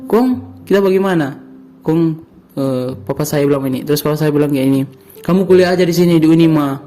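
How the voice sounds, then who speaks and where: A man's voice: a little high, fairly quick, dark tone, soft background music. A young man with a Manado Malay accent, a guest telling his personal story in an interview. He talks in a storytelling way, acting out quoted dialogue, with frequent restarts. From North Sulawesi, Indonesia. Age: young adult. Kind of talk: personal testimony in conversation.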